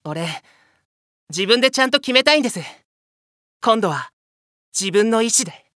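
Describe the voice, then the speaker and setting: A man playing a gentle, earnest teenage boy who speaks politely, hesitantly and sincerely to a senior. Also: high-pitched, animated, normal speed, no echo, clean studio sound. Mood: earnest, determined.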